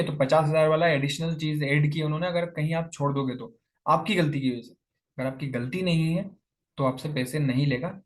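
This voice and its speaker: A young man chatting casually on a lavalier mic, answering viewer questions and calling his listeners "brother" and "buddy". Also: on the high side. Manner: informal, addresses viewers as "bhai" and "yaar". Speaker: YouTuber answering viewer comments. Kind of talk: casual chat.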